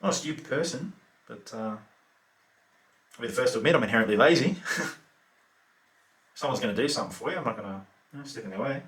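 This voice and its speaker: A man's voice: medium pitch, animated, fairly quick, long pauses, fairly bright tone, distant mic, lightly acted. A man playing an offhand Australian killer. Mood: offhand calm. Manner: offhand, laconic, full of fillers. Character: remorseless lazy adult male killer, offhand. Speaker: actor performing a monologue. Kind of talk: theatrical monologue. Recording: roomy echo.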